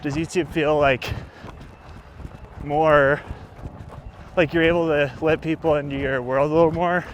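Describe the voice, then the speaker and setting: A man asking questions in a casual, slightly halting conversational way, as an interviewer outdoors. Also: fairly high pitch, fairly even intonation, a little hiss or hum.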